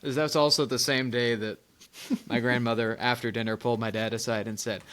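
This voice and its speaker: A young man co-hosting a podcast, telling family stories in casual chat, animated and laughing often, with rambling restarts. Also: mid-range voice, fairly quick. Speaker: podcast co-host.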